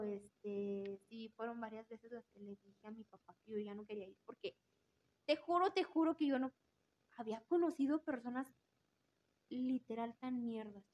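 Candid Mexican woman, lo-fi sound. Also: a little high. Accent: Mexican Spanish. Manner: candid, swears freely, repeats for emphasis. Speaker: interview guest. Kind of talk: casual personal storytelling.

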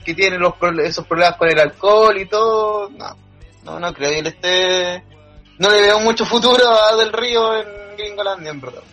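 A man's voice: high-pitched, normal speed, pushed and bright, soft background music. A man with a Chilean accent giving blunt, opinionated takes in a casual podcast, swearing freely. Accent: Chilean Spanish. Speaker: podcast co-host. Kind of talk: casual chat about wrestling.

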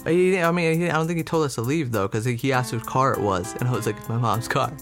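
A man in his twenties tells a story in a casual interview, rambling, laughing, and using lots of "like" and "um." He talks fast in a steady, medium-pitched voice, with music playing in the background.

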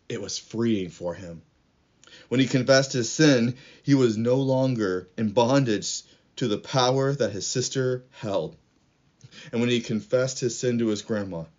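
A man delivers an earnest, measured podcast sermon in a low voice. He weaves a story into his preaching. The recording is dull and lo-fi.

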